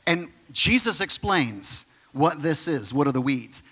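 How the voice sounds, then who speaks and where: A man preaching with a bright, forceful, fairly high voice. He talks in an animated, conversational way, full of quick asides. The sound rings with long reverb, as in a big hall. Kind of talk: sermon.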